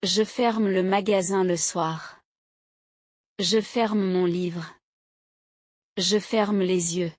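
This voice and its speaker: A woman slowly reading short example sentences aloud as a language teacher, each one clearly articulated in a steady drill. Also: on the low side, dry recording, clean studio sound. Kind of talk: slow, carefully paced reading of example sentences.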